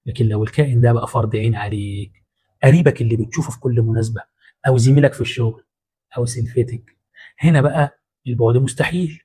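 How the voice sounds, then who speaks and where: A man's voice: medium pitch, quick pace, dark tone, husky. A man with an Egyptian Arabic accent hosting a motivational psychology talk in a colloquial, punchy way with street-slang asides. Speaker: host.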